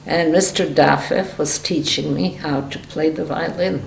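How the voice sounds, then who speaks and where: A woman's voice: low-pitched, fairly even intonation, normal speed, gravelly. An elderly woman recalling her youth in a plain, matter-of-fact way during an oral history interview. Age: 70s or older. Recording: echoey room with faint noise.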